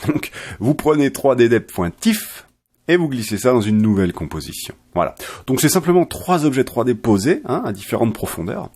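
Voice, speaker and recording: A man explaining software step by step in a chatty, self-correcting tutorial style. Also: medium pitch, sing-song, normal speed, husky. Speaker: software trainer. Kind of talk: screen-recorded software tutorial.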